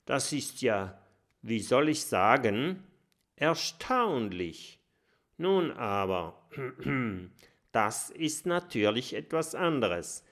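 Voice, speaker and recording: A man voicing a huge, gruff jungle tiger in a children's story, who roars and then turns fawning. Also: medium pitch, big pitch swings, very slow, heavily acted. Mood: smarmy. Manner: loud roaring outbursts, then smarmy politeness.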